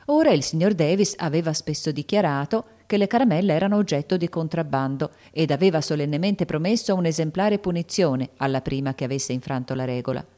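Low-voiced woman narrating a storybook. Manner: expressive, dramatic storytelling. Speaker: audiobook narrator. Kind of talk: scripted narration of a classic novel.

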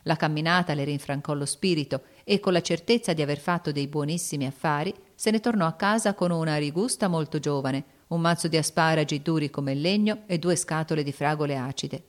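A woman reading a classic novel aloud as narrator, steady and even. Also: sits low, fairly quick, hardly any pauses. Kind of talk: scripted audiobook narration.

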